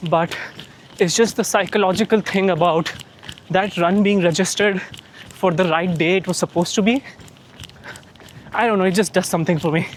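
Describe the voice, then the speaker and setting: Out on a run, this vlogger talks to the camera in a relaxed way, his high-pitched voice holding a steady tone. He speaks at normal speed but often stops to pause, with wind audible in the background.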